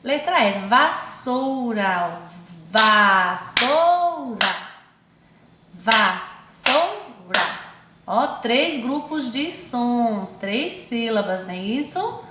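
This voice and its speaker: A woman with a Brazilian accent teaching young children in an online class, speaking affectionately and stretching words out slowly syllable by syllable. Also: a little high, expressive, echoey room, background noise. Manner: affectionate, calls pupils "my loves" and herself "auntie". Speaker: primary school teacher.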